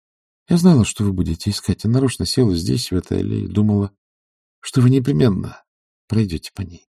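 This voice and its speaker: Man voicing a gentle young woman. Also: lowish voice, lively intonation, fairly quick, vocal fry, husky, no room sound, studio quality, distant mic, full character voice. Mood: tender. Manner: soft, tender delivery. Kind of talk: audiobook character reading.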